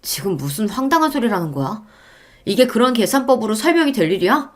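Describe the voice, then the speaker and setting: A woman's voice: fairly high pitch, big pitch swings, brisk, pitched above the performer's own voice. A woman voicing a young husband who argues in a cool, cutting way.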